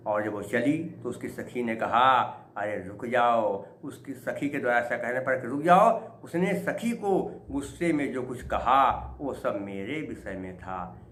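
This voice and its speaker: Man lecturing, measured delivery, roomy echo, faint background hiss. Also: mid-range voice, fairly bright tone. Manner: chants verse slowly, then explains quickly with rhetorical questions. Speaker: Sanskrit lecturer. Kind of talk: classroom explanation of Sanskrit verse. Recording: echoey room with faint ambient noise.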